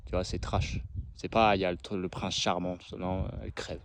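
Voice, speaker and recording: A man's voice: deep voice, little pitch movement, brisk. A man from northern France chatting casually through a travel vlog outdoors, rambling and asking viewers questions. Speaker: travel vlogger. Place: outdoors, ruins and seaside. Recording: noisy outdoor camera audio.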